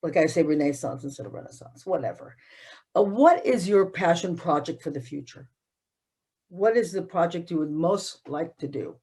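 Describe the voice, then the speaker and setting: A woman's voice: fairly low pitch, lively intonation, moderate pace, dark tone, slightly rough. A woman with a Chicago accent interviewing a guest, asking rambling, loosely phrased questions. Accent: American, Chicago. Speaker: professor, interviewer.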